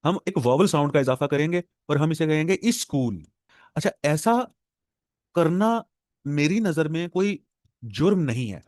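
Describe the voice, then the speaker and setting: A man with a Pakistani Urdu accent lecturing a class of exam students on translation, explaining patiently and repeating words slowly to drill them. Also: a little high, expressive, darkish tone, dry recording, clean studio sound. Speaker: English professor lecturing exam aspirants.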